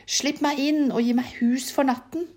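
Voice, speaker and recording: A woman's voice: high voice, steady tone, darkish tone, voice pushed up, lightly acted. Woman doing a sly greedy fox. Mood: sly demanding.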